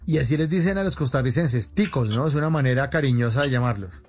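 A man's voice: medium pitch, animated, quick pace, soft background music. Chatty Colombian radio host, man. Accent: Colombian Spanish. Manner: chatty, playful questioning. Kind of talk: lively call-in radio chat.

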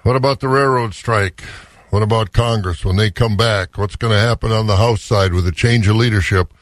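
A man's voice: lowish voice, a little fast, no echo, studio quality. An American man hosting a radio farm report in a conversational, off-the-cuff way. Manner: conversational, unscripted asides. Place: radio studio.

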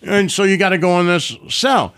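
A man's voice: high voice, normal speed, clean tone. A man telling a story in casual conversation, swearing freely and acting out the people he quotes. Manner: profane, animated storytelling with acted quotes. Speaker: podcast guest.

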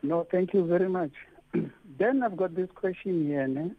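South african guy calling in over the phone, slightly high voice, halting questions, thin tinny line. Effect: heard over a phone line. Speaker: radio caller.

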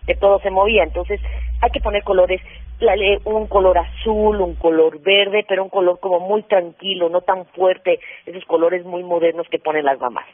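A woman parenting expert giving practical advice in an animated, hands-on way during a radio interview, heard over a phone line. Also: fairly low pitch, moderate pace, no echo. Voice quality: practical, animated, acts out what mothers say.

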